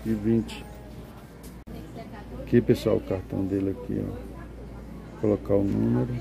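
A man's voice: fairly low pitch, flat delivery, moderate pace, vocal fry, over music. A man from Ceará with a Ceará accent, chatting casually as he films a clothing market tour and asks stall sellers about prices. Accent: Brazilian Portuguese, Ceará. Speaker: vlogger touring a clothing market. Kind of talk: casual walk-through commentary. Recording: noisy market floor.

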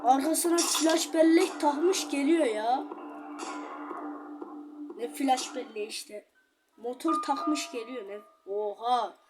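Excitable high-voiced woman narrating gameplay. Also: slow pace, long pauses, music in the background. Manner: chatty, excitable, talks straight to viewers. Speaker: gaming channel host. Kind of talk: casual gameplay commentary.

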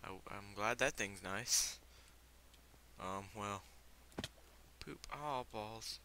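A man's voice: on the low side, drawn-out words, noisy background. A teenage boy with a fever giving casual, rambling commentary on his game, full of fillers and startled reactions. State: sick with fever. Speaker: gamer.

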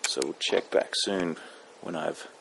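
A man with a very deep, heavily gravelly voice chats to camera while standing outdoors in a snowy yard. He talks slowly and easygoing, pausing often, with a sharp, bright edge to his tone under faint background hiss. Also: low-quality recording. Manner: easygoing, halting, with pauses. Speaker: vlogger. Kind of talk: casual chat to camera.

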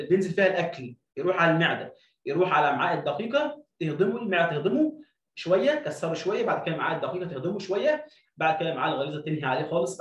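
A man's voice: on the high side, reverberant, far from the mic, low-quality recording. A man with an Egyptian Arabic accent teaching an English lesson, drilling pronunciation by repeating sounds. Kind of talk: video lesson.

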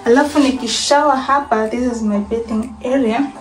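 A woman's voice: fairly high pitch, steady tone, moderate pace, rough recording. A young Kenyan woman giving a chatty house tour, filmed on a handheld phone in her small apartment. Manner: chatty, mixes in Swahili phrases. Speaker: vlogger. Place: small apartment bathroom and bedsitter, indoors. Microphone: phone camera held in hand.

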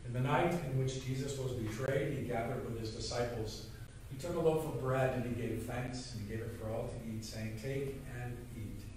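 A man leading liturgical prayer as a pastor, solemn and measured, with pauses between short phrases. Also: medium pitch, a little mellow. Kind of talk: liturgical prayer and communion service. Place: large church sanctuary, indoors. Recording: very echoey church, far mic, noisy.

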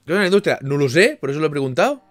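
A young man from chatting casually with viewers on a live stream, rambling with lots of restarts and sudden loud bursts. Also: a little high, very animated, rapid-fire, soft background music.

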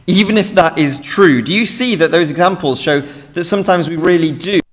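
A young British man preaching an earnest, emphatic sermon from a lectern in a large church hall. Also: medium pitch. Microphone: standing at a lectern, lectern mic. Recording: reverberant hall.

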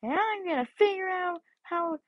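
Goofy male hedgehog hero, put on by a woman: high, lively, exaggerated amazement; playful fan dub. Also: moderate pace, lo-fi sound. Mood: amazed. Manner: silly, gushing, exaggerated amazement.

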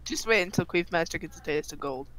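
A young man in a casual gaming chat with friends, teasing them and breaking into loud yells. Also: a little high, quick pace. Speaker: gamer.

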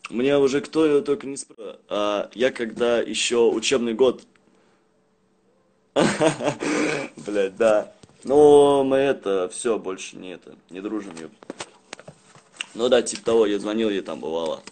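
A young man chatting casually on a livestream in rough, swear-heavy street slang, rambling and halting as he goes. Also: fairly low pitch, darkish tone. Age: young adult. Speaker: live streamer. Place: small indoor room at home. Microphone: phone at arm's length.

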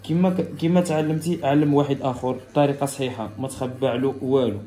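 A man's voice: mid-range voice, steady tone, fast talker, dark tone, roomy sound. A man with a Moroccan accent, a barber who explains a haircut step by step and repeats each step to his viewers. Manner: instructive, repeats steps, talks straight to viewers. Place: barbershop salon.

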